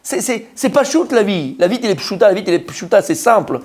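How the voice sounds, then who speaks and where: Rabbin à la voix haute, très animé. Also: male voice, sits high, quick pace. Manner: animated, addresses listeners directly, mixes Hebrew terms into French. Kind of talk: Torah lesson, lively sermon.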